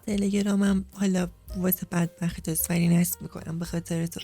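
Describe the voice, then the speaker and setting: A man's voice: high voice, little pitch movement, warm tone, soft background music. A young man from Iran putting on a young woman's voice to prank strangers in a video chat, teasing and cheeky.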